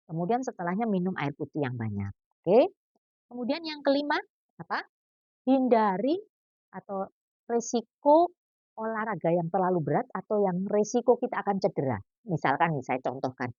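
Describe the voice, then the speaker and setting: Her voice on the low side, a fifty-something doctor keeps it chatty and jokey while explaining exercise in pregnancy, tossing in asides as she goes. It's a casual health talk captured in a dry, dull lo-fi recording.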